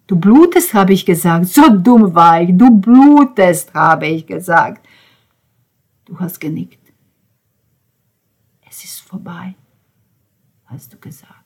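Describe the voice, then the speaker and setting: Here a woman takes on the role of a young drummer consumed by grief and bitterness, narrating in the first person for an audiobook. She reads unhurriedly in a fairly low voice, shifting between whispers and sudden outbursts, full of anguish.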